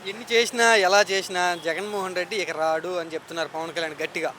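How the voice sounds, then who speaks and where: A male street reporter who relays quotes to passersby to get them talking. He speaks very fast in a fairly high voice. Clear street noise surrounds the mic. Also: fairly even intonation, pushed and bright. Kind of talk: vox pop interviewing. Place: city street outdoors.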